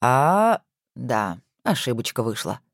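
A reader doing a good-natured, joking husband in an audiobook, playful and bantering. The voice stays close to the narrating voice, with a lively, swinging melody. The recording is dry and close. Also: medium pitch, slow, no echo.

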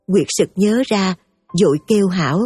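A woman narrating an audio drama in a steady, emotive storytelling manner. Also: mid-range voice, normal speed, husky, dry recording, faint music behind.

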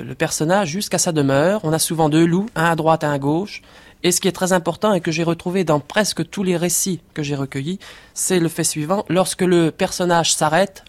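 A man who collected oral tales, explaining a rural tradition in a measured way. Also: fairly high pitch. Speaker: folklore collector.

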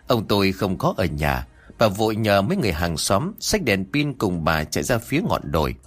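A man narrating a rural ghost story in an expressive, dramatic storytelling manner. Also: lowish voice.

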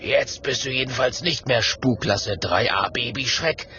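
A man's voice: medium pitch, a little slow, bright, forceful tone. A man voicing a teasing male badger in a children's audiobook, matter-of-fact. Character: cheeky male badger, dry. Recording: dull audio with faint music.

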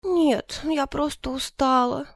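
A woman's voice: sits high, normal speed, no room sound, pitched above the performer's own voice. A woman voicing a tired, whiny young female royal favorite who pleads and sounds close to tears, in an audiobook reading. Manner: pleading, tearful. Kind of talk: audiobook character voice.

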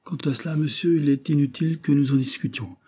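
A man's voice: on the high side, quick pace, mellow, husky, pitched above the performer's own voice. A man voicing a modest, polite young male clerk who speaks humbly to his employer.

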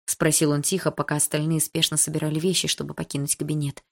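A woman reading a first-person novel aloud in an even, measured storytelling manner. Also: low voice. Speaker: audiobook narrator.

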